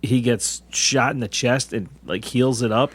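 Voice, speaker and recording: Man in his forties, mid-pitched voice, chatty, eager, points out small details, casual movie talk. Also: unhurried, breathy edge. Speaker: podcast co-host.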